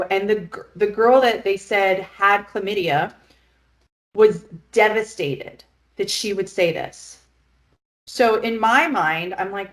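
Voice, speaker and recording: A woman in her thirties co-hosting a podcast, chatting casually, blunt and frank and swearing freely. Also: mid-range voice. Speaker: podcast co-host. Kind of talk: casual chat. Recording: roomy echo.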